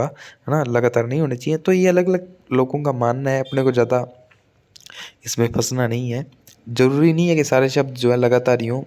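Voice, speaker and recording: A man with an Indian accent teaching an exam-prep lesson, moving between explaining in Hindi and slowly reading out English examples, often checking in with his students. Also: medium pitch, a little mellow. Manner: keeps checking in with listeners.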